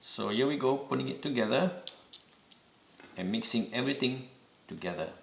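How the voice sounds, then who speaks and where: A man's voice: mid-range voice, lively intonation, creaky, echoey room, slight background noise. A man from Singapore with a Singaporean accent, giving patient step-by-step instructions in a home cooking demonstration. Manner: slow, patient instructions with repeated reminders.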